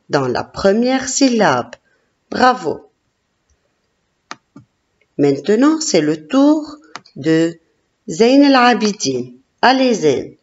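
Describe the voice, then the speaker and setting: A woman teacher leading a classroom phonics lesson, slowly sounding out syllables and praising each child. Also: mid-range voice. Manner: slow, encouraging, sounding out syllables. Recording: dull lo-fi recording.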